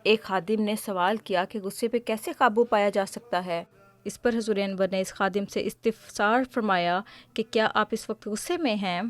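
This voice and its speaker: With a teacherly manner, a woman host checks in with a child through questions while explaining things gently and patiently. Her pitch is ordinary.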